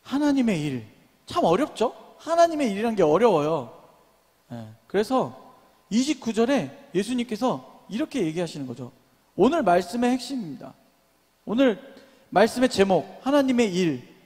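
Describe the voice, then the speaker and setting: High-voiced pastor preaching in echoing church. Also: male voice, very animated, normal speed, a little mellow. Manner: asks the congregation many questions; calls for responses and amens. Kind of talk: sermon to a young adults' service. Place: church sanctuary.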